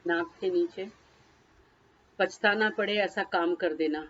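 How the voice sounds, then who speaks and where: A woman's voice: on the low side, steady tone, slow, fairly bright tone, lo-fi sound. A woman leading a guided tapping session, naming each body point and then speaking a short first-person phrase for the listener to repeat.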